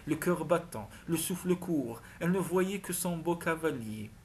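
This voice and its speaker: A man in measured storytelling narration, reading a romance audiobook. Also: fairly high pitch, expressive, slight background noise. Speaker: audiobook reader. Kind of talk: scripted narration.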